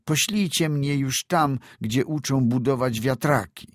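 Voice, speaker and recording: A man's voice: mid-range voice, a little slow, dry recording, studio quality, pitched above the performer's own voice, lightly acted. A man voicing a stubborn, complaining poor village boy in a read-aloud story. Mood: pleading. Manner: whiny, complaining rural talk.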